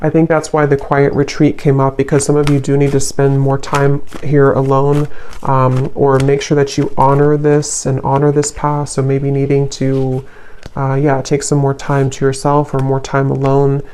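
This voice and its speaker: A tarot reader giving a card reading, unhurried and searching for words, with many soft fillers. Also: mid-range voice, monotone, slight background noise.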